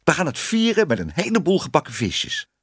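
A man's voice: a little high, fairly quick, husky, no room sound, studio quality, voice pushed up, full character voice. A man doing an earnest young reporter. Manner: earnest, excitable.

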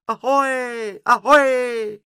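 A man voicing a brash, impatient male seagull with a wooden leg, shouting in a storybook reading. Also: extremely high pitch, steady tone, drawn-out words, clear, resonant tone, dry recording, clean studio sound, pitched above the performer's own voice, heavily acted. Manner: shouting, hasty.

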